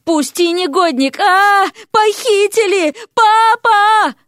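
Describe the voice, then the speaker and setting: A woman voicing a feisty, exasperated young frog princess who shouts shrilly in an audiobook. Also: very high voice, takes it slowly, no room sound, clean studio sound, pitched above the performer's own voice, full character voice. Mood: indignant. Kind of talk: audiobook character voice.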